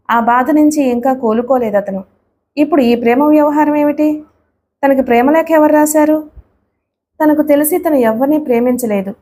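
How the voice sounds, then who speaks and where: A woman narrating a novel as an audiobook, in steady, expressive storytelling. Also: high voice.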